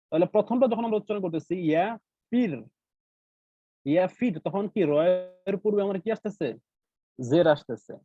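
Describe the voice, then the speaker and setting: A man with a Bangladeshi Bengali accent teaches recitation rules patiently, breaking each point into small steps and checking in with his students. His voice sits a little high for a man. The sound is dry and tinny, like a call line. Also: no room sound. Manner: patient, explains step by step, often checks with "right?". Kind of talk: online class explanation.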